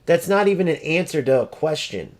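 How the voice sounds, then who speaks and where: A man's voice: fairly high pitch, sing-song, fairly quick, a little mellow. A man ranting over gameplay footage, exasperated, profane and mocking as he vents about an opponent. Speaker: gaming streamer.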